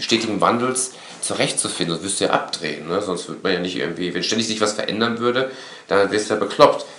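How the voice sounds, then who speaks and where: A man in casual conversation, talking in an animated, rambling way and often tagging his sentences with a questioning "ne". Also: on the low side. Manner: animated, rambling, frequent tag "ne?". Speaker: course instructor. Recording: echoey room.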